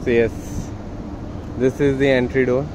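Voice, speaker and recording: A man's voice: mid-range voice, level tone, measured pace, noisy background. A young man touring a lifeboat for his vlog, explaining plainly while filming on his phone, with Hindi mixed into his English. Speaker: merchant navy officer vlogger. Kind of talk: casual guided tour vlog. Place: inside a ship's lifeboat. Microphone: handheld phone.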